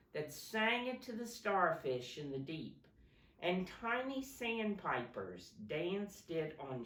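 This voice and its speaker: The low-voiced woman, a preschool teacher, reads a picture book aloud for storytime, her tone fairly bright and her pitch moving expressively. Unhurried, she explains simply and asks the children questions. The audio sounds roomy and echoey, picked up from away from the mic.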